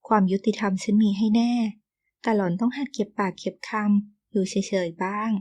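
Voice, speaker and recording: A woman voicing a dignified elderly royal grandmother who speaks slowly and commandingly in an audio novel. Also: mid-range voice, steady tone, mellow, lightly acted. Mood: stern. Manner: slow, measured and commanding.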